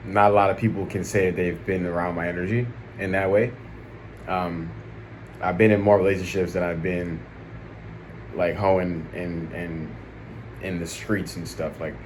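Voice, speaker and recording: Low-voiced American man chatting casually over noise. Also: low-quality recording. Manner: slangy, conversational, frequent check-in tags. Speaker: vlog host. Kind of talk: casual chat, rambling opinion to camera. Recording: noticeable background noise.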